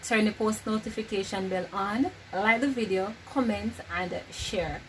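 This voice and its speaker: A woman's voice: medium pitch, measured pace, a little hiss or hum, low-quality recording. A woman with a Jamaican accent hosting a casual, playful vlog. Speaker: vlog host.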